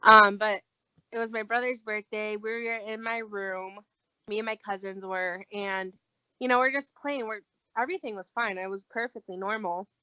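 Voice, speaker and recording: A woman's voice: medium pitch, moderate pace, clean tone, dry recording. A young adult woman telling a personal story in casual talk as a guest, acting out the lines she quotes. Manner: animated, acts out quoted dialogue. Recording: dull lo-fi recording.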